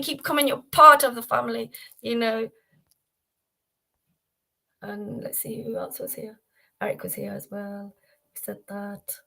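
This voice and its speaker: The host of this devotional livestream has a slightly high, creaky voice that sounds bright and forceful. She talks informally to viewers, naming them, and repeats herself with frequent fillers and restarts.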